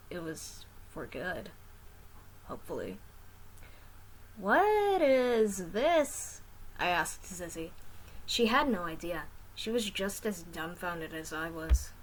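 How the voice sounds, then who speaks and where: A woman's voice: lowish voice, fairly bright tone, a little hiss or hum, rough recording. A woman reading her own first-person fan story aloud casually, with small slips.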